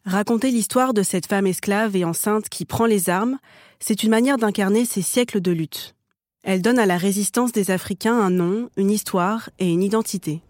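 A woman's voice: mid-range voice, moderate pace, darkish tone, no echo. A woman narrating a scripted documentary story.

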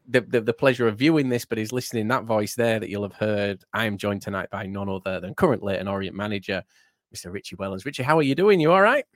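Low-voiced, rambling British man hosting. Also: fast talker, dry recording, studio quality. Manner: rambling, stammering repeats. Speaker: podcast host. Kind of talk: casual chat, interview.

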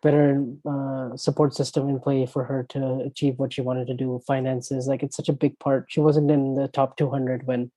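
A man co-hosting a casual tennis chat, thoughtful and often trailing off softly. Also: medium pitch, level tone, normal speed, few pauses, no room sound, rough recording. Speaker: podcast co-host.

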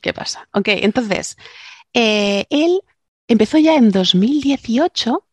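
A woman's voice: fairly high pitch, lively intonation, slow pace, darkish tone, breathy edge, no room sound. A woman co-hosting a casual science podcast, a linguist who chats, jokes and explains things with digressions. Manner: chatty, joking, explains with digressions.

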